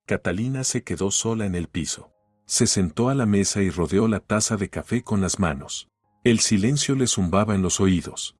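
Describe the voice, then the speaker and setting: A man narrating a family drama in an even, steady audiobook story reading. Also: lowish voice, normal speed, dry recording, clean studio sound, faint music behind.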